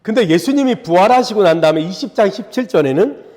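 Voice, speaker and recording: High-voiced pastor in echoing church. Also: male voice, lively intonation, darkish tone. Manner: conversational, asks the congregation for agreement; acts out scripture voices in dramatic pauses. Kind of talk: sermon. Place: church sanctuary. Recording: reverberant church sanctuary.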